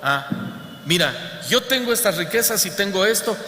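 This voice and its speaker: A man's voice: high-pitched, expressive, normal speed, pushed and bright, pitched above the performer's own voice. A man voicing a boastful male prosperity preacher who taunts and shows off his riches, in a reverberant church hall.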